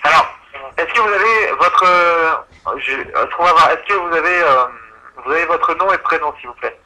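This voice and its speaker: Over a tinny phone line, a man working as an insurance call-centre agent patiently and politely explains things to a customer. His voice sits on the high side, bright and forceful, at a moderate pace.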